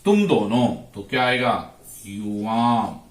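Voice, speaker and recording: A man explains Sanskrit grammar at a very unhurried pace. He stretches each word and repeats the verb forms one by one. His voice comes from a few steps off the mic in a bare, echoing room. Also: medium pitch, animated. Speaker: Sanskrit teacher. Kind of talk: slow classroom explanation. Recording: echoey room, voice from a distance.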